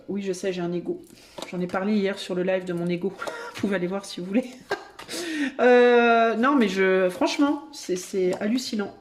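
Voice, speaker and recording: A woman giving a channeled tarot reading to her viewers, thinking aloud and breaking into excited exclamations. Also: medium pitch, slight background noise. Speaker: tarot reader and medium.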